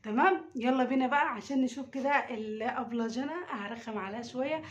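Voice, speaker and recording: A woman's voice: a little high, fast, lo-fi sound. A woman with an Egyptian accent chatting casually to camera, teasing and repeating herself, filmed on a phone at home. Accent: Egyptian Arabic. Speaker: mother filming a prank on her daughter. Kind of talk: casual vlog talk to camera. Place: home indoors.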